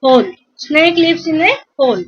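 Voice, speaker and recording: A woman's voice: high-pitched, normal speed, dull audio, slight background noise. A woman teacher from India, explaining an English lesson to pupils, repeating herself and quizzing the class. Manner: repetitive, questioning the class, acts out pupils' excuses.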